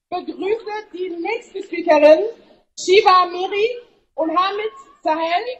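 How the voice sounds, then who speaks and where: A woman moderating a protest rally, announcing the next speakers briskly and upbeat, recorded outdoors. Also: very high voice, dull audio, a little hiss or hum.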